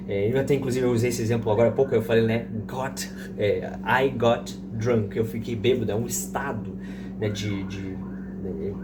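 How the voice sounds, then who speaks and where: Man teaching English amid loud noise. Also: mid-range voice. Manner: explains slowly, repeats example sentences several times; fillers like "né?" and "tá?". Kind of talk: casual explanatory lesson.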